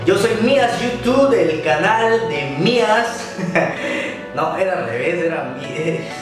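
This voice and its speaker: A young Mexican man with a Mexican Spanish accent, talking high and loose as he runs a slangy news chat for his channel. His voice bounces around a bare, very echoey room, picked up from a distance with a faint hiss behind. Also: lively intonation, takes it slowly, music in the background. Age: young adult. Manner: loose, joking, full of slang and fillers. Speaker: YouTuber hosting a news segment. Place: small indoor room, bedroom studio.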